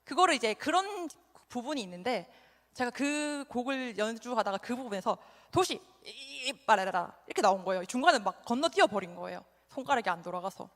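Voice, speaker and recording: A young woman preacher with a somewhat high voice talks through a sermon in a relaxed, chatty way. She keeps turning to her listeners with direct questions. Her voice rings with the long reverb of a church hall. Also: fairly quick. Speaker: youth evangelist. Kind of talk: conversational sermon.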